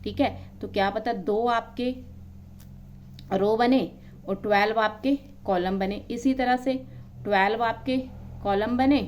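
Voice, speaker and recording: A woman maths teacher explains a lesson, counting items aloud one by one and checking in often with her students. Her voice is medium-pitched with fairly even intonation and a measured pace, with slight background noise.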